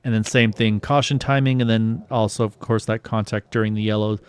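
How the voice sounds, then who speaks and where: A man's voice: on the low side, brisk, smooth, no room sound. A man calls an online sim race lap by lap, and his voice climbs whenever the cars get close. His mid-range voice sounds dry and close to the mic, with almost no room around it. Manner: excited, rising with the action. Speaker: play-by-play commentator. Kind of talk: sim racing commentary.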